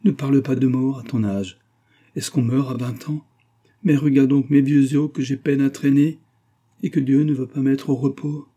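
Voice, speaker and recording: Old female nursemaid, gentle and fussing, voice lifted higher, done by a husky-voiced man. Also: fairly even intonation, normal speed, lightly acted. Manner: soothing, fussing.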